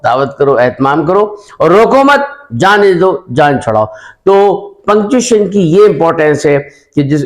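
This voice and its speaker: A middle-aged man teaches a grammar lesson, his voice sitting a little high. He is unwell and coughs now and then. He explains slowly, pausing and filling gaps as he writes on a board. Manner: explains slowly with pauses and fillers, drawing on a board. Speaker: English teacher.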